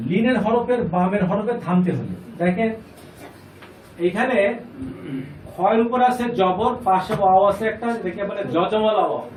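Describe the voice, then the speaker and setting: A high-voiced man teaching a reading class, patient and repetitive, pausing to quiz his students. He sounds distant from the microphone, in an echoey room with faint noise behind him. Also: a little mellow. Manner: patient, repeats points and asks the class questions. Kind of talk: classroom lesson.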